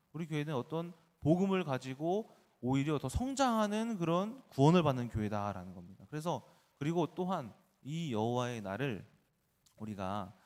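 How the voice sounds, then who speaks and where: A man's voice: medium pitch, darkish tone, in a large hall. A man in his thirties, a pastor, preaching an early-morning sermon in a conversational way, with personal stories and questions to the congregation. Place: church sanctuary.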